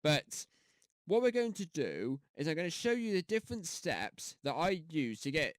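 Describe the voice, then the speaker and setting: Here a YouTube host talks through a casual screen-recorded audio-editing tutorial on his gaming headset mic, rambling with fillers and restarts. His fairly high voice swings widely in pitch at a moderate pace, with no echo.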